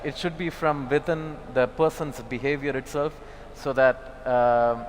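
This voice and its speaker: A man from Kerala, India, hesitantly takes part in a panel discussion, using plenty of fillers, in a medium-pitched voice. The setting is a large expo hall. The audio has hall reverb, faint ambience and slight background noise.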